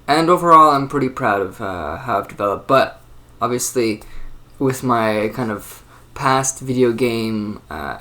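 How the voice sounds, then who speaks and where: A man's voice: medium pitch, sharp tone. A man in his early twenties talking alone in a rambling, thoughtful way, with many fillers and restarts. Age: 20s. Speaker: channel host. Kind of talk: casual solo monologue.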